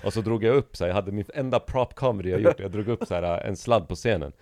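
Male comedian guest, 30s, low voice, dry close sound, acts out quotes. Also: a little mellow, no room sound. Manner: loose storyteller, acts out quotes. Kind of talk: casual podcast chat.

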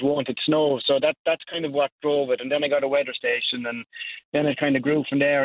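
A man's voice: medium pitch, dry recording. An Irish man explaining things casually as a guest in a radio interview. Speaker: amateur weather forecaster, radio interview guest. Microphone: telephone. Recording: narrow, tinny phone line.

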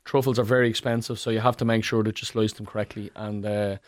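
A man's voice: on the low side, level tone, quick pace, no echo, studio quality. Irish-accented man in casual podcast chat. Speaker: podcast co-host, chef.

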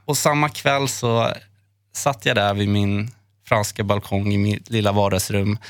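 Earnest man with a low voice. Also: steady tone, no room sound, clean studio sound. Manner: earnest, halting, many fillers. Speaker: podcast host. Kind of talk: personal storytelling in a chat.

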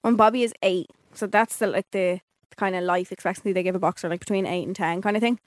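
A woman's voice: medium pitch, fairly even intonation, fast talker, dry recording, studio quality. A woman in her twenties with a Dublin Irish accent, co-hosting a podcast in casual, giggly chat and swearing freely. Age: 20s. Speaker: podcast co-host.

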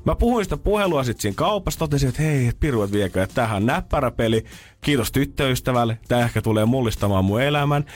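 A man's voice: mid-range voice, animated. A male radio morning show host telling a funny everyday story in casual chat, laughing often.

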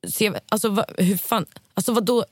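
A woman's voice: medium pitch, darkish tone, dry recording, clean studio sound. A woman co-hosting a casual chat, blunt and outspoken, swearing as she argues her point. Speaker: podcast co-host.

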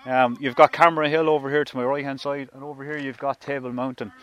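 A man's voice: mid-range voice, little pitch movement, fast, a bit bright. An Irish man in the army giving an informal explanatory talk on location.

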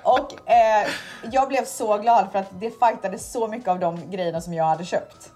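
A woman hosting a casual chat, telling animated stories and acting out quotes. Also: mid-range voice, faint music behind. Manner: animated storytelling, acts out quotes. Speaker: podcast host.

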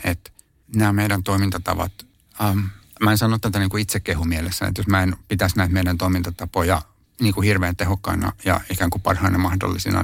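Gravelly, husky Finnish activist man. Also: sits low, no echo. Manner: thoughtful, hesitant, many fillers and restarts. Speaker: animal rights activist. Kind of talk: conversational interview answers.

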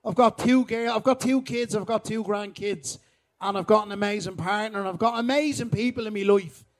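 A middle-aged man with a Dublin accent and a strikingly high voice. He talks in casual live banter, blunt, teasing and full of swearing. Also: fairly quick. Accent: Dublin, Irish. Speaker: speaker on stage at a live podcast. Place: live podcast show at a festival.

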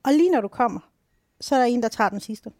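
High-voiced, chatty woman explaining. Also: no echo, clean studio sound. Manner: lively, talkative, frequent tag questions. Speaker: podcast co-host explaining mood psychology. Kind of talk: casual explanatory chat.

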